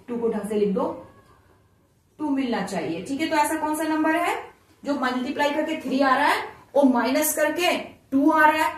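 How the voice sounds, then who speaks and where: A woman's voice: high-pitched, far from the mic. A woman teaching a maths lesson, explaining each step and asking her students questions as she works. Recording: very echoey room, voice from off-mic.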